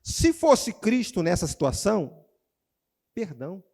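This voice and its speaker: A male pastor preaching a sermon in church, calling out questions to the congregation and moving between loud exclamations and quiet, low passages. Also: measured pace, vocal fry. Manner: animated preaching, calls out to the congregation, shifts between shouting and quiet.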